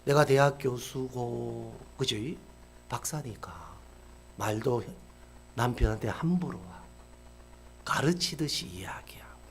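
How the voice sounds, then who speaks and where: A middle-aged male pastor tells a story in a sermon, speaking slowly with a creaky voice, long pauses, and a bit of hiss or hum. He acts out the quoted characters with sudden, lively swings in pitch and loudness.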